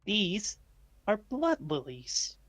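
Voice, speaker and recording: A man's voice: sits high, huge pitch swings, extremely slow, fairly bright tone, dry recording, voice pushed up, full character voice. A man voicing a kindly, saddened old talking tree in a tabletop game. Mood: earnest. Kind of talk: tabletop role-play.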